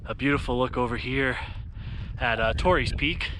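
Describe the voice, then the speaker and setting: A man's voice: medium pitch, normal speed. A man giving a casual, conversational trail-guide narration to camera outdoors on a windy mountain ridge. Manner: laid-back, conversational. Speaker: hiking guide vlogger. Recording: loud wind buffeting the microphone outdoors.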